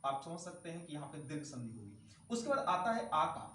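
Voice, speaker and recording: High-voiced male teacher in an echoey room. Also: big pitch swings, brisk, fairly bright tone, far from the mic, slight background noise. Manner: explaining step by step, repeating key sounds and asking rhetorical questions. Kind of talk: classroom grammar lesson.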